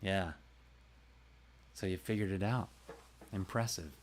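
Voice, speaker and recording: Male streamer, lower register, loose rambling chat straight to his viewers, close mic. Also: takes it slowly, a little hiss or hum. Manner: rambling, chatty, talks to viewers by name. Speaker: livestream host and voice actor. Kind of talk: casual livestream chat. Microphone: close desk mic.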